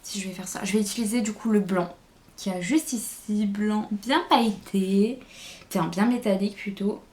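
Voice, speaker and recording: A woman's voice: medium pitch, normal speed, a little mellow. A woman vlogger chatting casually through a makeup tutorial, hesitant and thinking aloud as she goes. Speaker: beauty vlogger.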